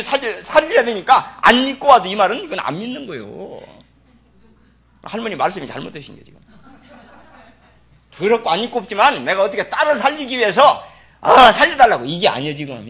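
Animated, gravelly man preaching a sermon. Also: high voice. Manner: animated, acts out Bible figures in dramatic voices; folksy dialect asides to the congregation. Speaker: pastor.

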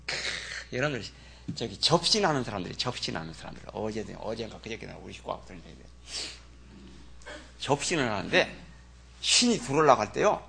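A man preaching a sermon in a colloquial way, firing rhetorical questions at the congregation and swinging between loud exclamations and low asides. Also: very animated, a little fast, vocal fry, slightly rough. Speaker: pastor.

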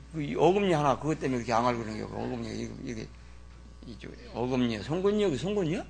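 A male pastor delivering a sermon in church, telling stories with lively swings between low muttering and loud scolding. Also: gravelly, a little hiss or hum.

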